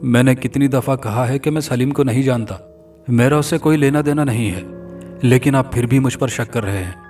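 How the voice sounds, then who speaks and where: A man plays a young man who protests his innocence in an aggrieved tone in a told horror story. The voice is at a middle pitch and a little distant. Faint music plays behind it. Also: normal speed, a little mellow, natural voice. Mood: pleading.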